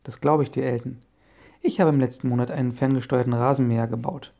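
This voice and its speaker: A jovial older uncle chats heartily about his latest gadget, as a man reads him in an audiobook. His voice is gravelly and dark, warm in a homespun way. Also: mid-range voice, steady tone, fast talker, muffled recording, natural voice. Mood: chatty. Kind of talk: audiobook character voice.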